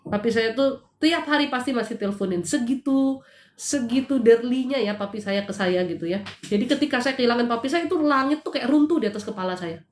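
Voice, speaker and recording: A middle-aged woman from Indonesia speaks in a fairly high voice, telling her own story with feeling and asking the listener rhetorical questions. She is recorded at home in a room that echoes noticeably around her. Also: lively intonation, brisk, slight background noise. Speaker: host giving spiritual consultation. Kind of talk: emotional personal testimony.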